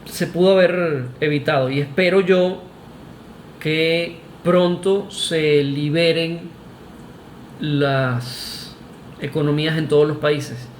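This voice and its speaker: A man's voice: on the high side, fairly even intonation, takes it slowly, echoey room, slight background noise. A Venezuelan man with a Venezuelan Spanish accent, giving an emphatic, argumentative opinion monologue to camera, with restarts and "este" fillers. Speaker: vlogger.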